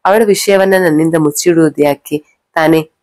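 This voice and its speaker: A woman's voice: low voice, steady tone, normal speed, darkish tone, no room sound, studio quality, natural voice. A woman voicing a suspicious young newly married wife who fires pointed, demanding questions at her husband.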